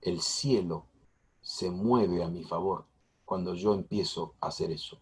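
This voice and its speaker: Husky low-voiced man preaching. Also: unhurried. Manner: emphatic, repetitive preaching with many restarts. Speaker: pastor. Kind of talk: sermon.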